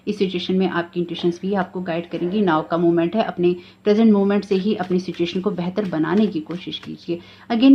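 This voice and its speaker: A woman giving a spoken tarot reading in a calm, reassuring, steady way, often mixing English terms into her speech. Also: fairly low pitch, lo-fi sound. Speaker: tarot reader.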